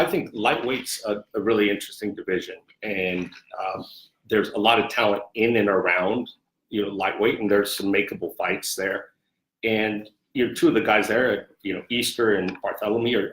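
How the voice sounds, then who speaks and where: The echo of a large room surrounds a man giving interview answers in the role of a sports executive. His voice sits on the low side with a touch of brightness, and his measured, conversational delivery keeps circling back over phrases.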